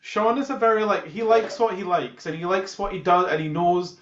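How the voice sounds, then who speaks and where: In a roomy, echoey, muffled recording with slight background noise, a man with a Scottish accent, a musician in a band, chats casually during an interview and shares jokey stories. His voice is high-pitched and steady in tone, and he talks fairly quickly.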